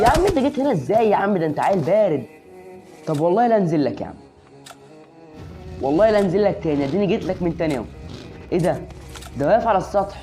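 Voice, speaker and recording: A woman with an Egyptian Arabic accent who hosts a gaming channel and gives chatty, excitable shooter commentary straight to the viewer. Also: mid-range voice. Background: game music and gunfire.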